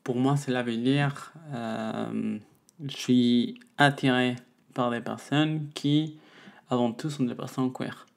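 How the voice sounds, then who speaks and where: Slow, flat-voiced woman. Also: a bass voice, gravelly. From Mexico. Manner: halting, searching for words. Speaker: guest, musician. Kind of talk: interview answers.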